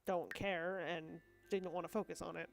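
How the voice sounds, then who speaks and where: Speaking over music, a woman with a lowish, gravelly voice keeps a level tone at a moderate pace. She's a gaming host with a stuffy, wheezy cold, casually rambling through her gameplay with chatty, self-deprecating remarks and plenty of apologies.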